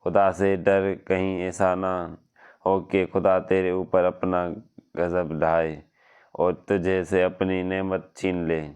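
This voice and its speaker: A pious man who admonishes sternly, urging fear of God, as a male narrator reads him out. His voice is very deep and even, with a smooth, resonant clarity. This is a figure in a religious storybook. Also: lightly acted.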